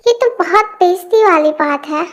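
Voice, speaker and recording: A woman voicing a cheeky young sister in an amateur fan dub, whiny and teasing with quick comebacks. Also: very high-pitched, animated.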